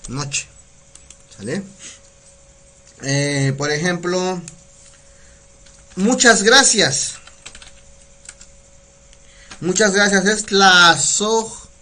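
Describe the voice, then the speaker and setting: This Nahuatl language teacher is a man with a Mexican Spanish accent, teaching words on a live community radio broadcast. His voice sits high and sounds sharp. He is patient, repeats each word slowly and often checks in with listeners by asking "¿sale?".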